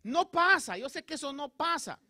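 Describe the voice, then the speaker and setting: Delivered at normal speed in an extremely high-pitched voice, this Spanish-language sermon is recorded at studio quality with no room sound. The pastor speaks directly to his congregation, checking in with them often, and his preacherly delivery is animated, with rising emphasis.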